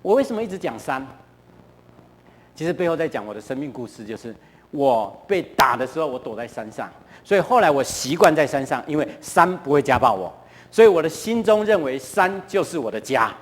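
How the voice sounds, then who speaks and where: High-voiced Taiwanese man lecturing in a hall. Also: sing-song, brisk. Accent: Taiwanese Mandarin. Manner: chatty, keeps asking the audience questions. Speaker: guest lecturer at a church. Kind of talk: lively storytelling talk to a live audience. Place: church hall. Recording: reverberant church hall.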